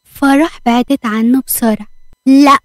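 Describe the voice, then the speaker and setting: A woman with an Egyptian accent narrating a romance story briskly and evenly. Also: high-pitched, dark tone, no room sound.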